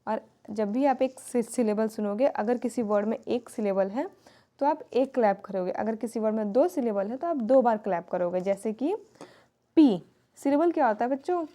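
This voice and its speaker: A woman's voice: fairly high pitch, dark tone. A woman teacher explaining a children's lesson, spelling words out letter by letter. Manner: reads English lines slowly, spells words letter by letter.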